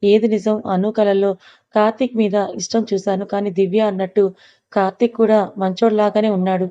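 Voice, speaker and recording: A woman narrating a story aloud in a steady, plain storybook reading. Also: medium pitch, brisk. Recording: dull lo-fi recording.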